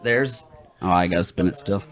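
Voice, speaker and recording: A man's voice: deep voice, moderate pace. A young man hosting a podcast in casual banter, playful and joking. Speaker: podcast host.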